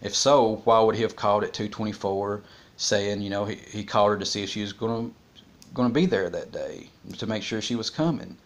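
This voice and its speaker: A fortyish man with a fairly low voice discusses a criminal case off the cuff from a small room indoors at home. He's a vlogger speaking casually and haltingly, working out his reasoning aloud into the built-in mic of a device.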